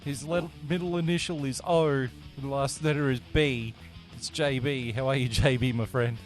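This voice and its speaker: A man hosts a casual chat podcast, trading jokes and laughing easily. His voice sits in an ordinary middle pitch. Faint music plays softly behind him. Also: steady tone, moderate pace. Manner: jokey, laughs often. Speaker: podcast host. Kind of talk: casual banter.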